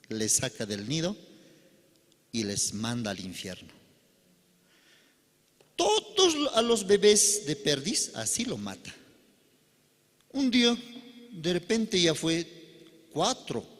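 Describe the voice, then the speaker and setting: A man preaching a sermon, telling a parable dramatically, with sudden loud outbursts and quiet drops. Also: on the high side, in a large hall. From Bolivia. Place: church service.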